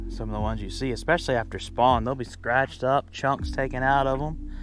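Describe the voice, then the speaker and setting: A man talking casually to viewers from his boat, explaining step by step how he ties a fishing rig, with plenty of ums and restarts. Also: medium pitch. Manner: chatty, lots of ums and restarts, addresses viewers as guys. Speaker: fishing vlogger. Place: on a boat on a river. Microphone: first-person camera.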